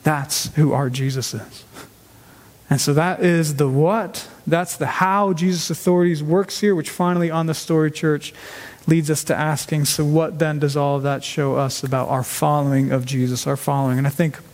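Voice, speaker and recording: High-pitched guy preaching, emphatic, lots of "right?" questions, echoey church hall. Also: fairly even intonation, normal speed, darkish tone. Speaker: pastor. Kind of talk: sermon.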